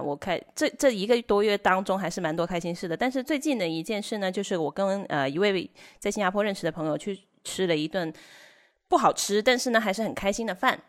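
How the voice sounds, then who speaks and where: A woman's voice: mid-range voice, expressive, brisk. A woman co-hosting a casual podcast chat, who talks at length and often restarts and corrects herself. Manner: talkative, with many restarts and self-corrections. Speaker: podcast co-host.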